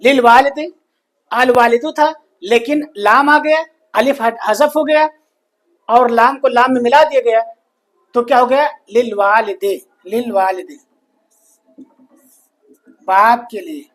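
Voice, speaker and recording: A man teaching a grammar lesson, slowly repeating each phrase and answering his own questions. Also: very high-pitched, a bit bright. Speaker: Arabic teacher.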